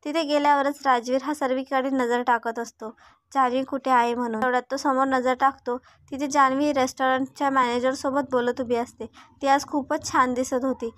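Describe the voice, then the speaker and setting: A woman narrating a serialized story in a steady, even reading voice. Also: high voice, a little fast, dry recording. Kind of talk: read-aloud story narration.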